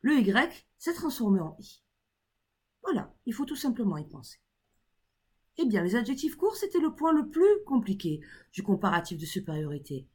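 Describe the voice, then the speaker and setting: A woman with a slightly husky voice teaches a grammar lesson, her pitch rising and falling a lot as she talks. She checks in with her class often and spells out letters slowly. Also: big pitch swings, a little mellow. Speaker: English teacher.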